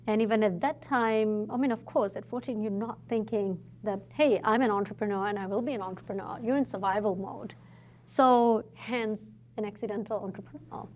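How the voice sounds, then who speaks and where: A middle-aged woman from Fiji, a guest entrepreneur telling her story in a relaxed, reflective podcast interview. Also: mid-range voice. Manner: reflective, storytelling, thoughtful pauses.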